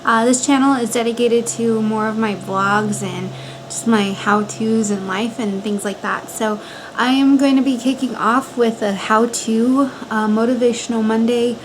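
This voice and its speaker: A woman's voice: on the high side, measured pace, rough recording. A woman in her twenties with an American accent gives a casual, chatty how-to talk in the informal style of a personal vlog, recorded in a bedroom. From Montana, United States. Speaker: vlogger. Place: bedroom at home. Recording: steady fan noise in background. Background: electric fan running.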